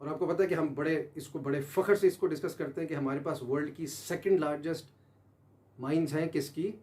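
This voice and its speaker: Male teacher, slightly high, dark-toned voice, spells words slowly and repeats them. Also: steady tone. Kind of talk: pronunciation lesson.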